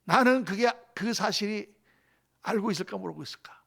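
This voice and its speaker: A male pastor preaching a midweek sermon, moving between loud exclamations and hushed whispers. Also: high voice, normal speed, gravelly.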